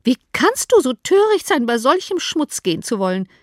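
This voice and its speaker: A woman's voice: on the high side, big pitch swings, fairly quick, darkish tone, dry recording, clean studio sound. A woman reading an audiobook, voicing a fussy, scheming middle-aged mother who frets and scolds. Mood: scolding. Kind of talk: audiobook character voice.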